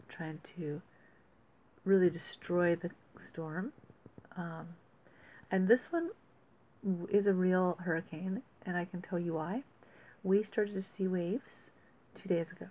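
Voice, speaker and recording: A woman giving casual, unscripted commentary as host of an amateur weather report, speaking haltingly and thinking aloud with pauses. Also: on the low side, a little mellow. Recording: dull lo-fi audio with faint noise.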